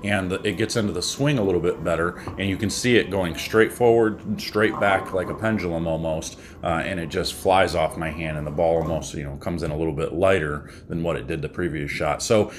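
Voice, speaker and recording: A bowling coach in his thirties gives a casual tip to camera from a small room at home, rambling in a relaxed way with fillers and restarts. His voice is low-pitched and fairly quick with few pauses, and there's a little hiss or hum.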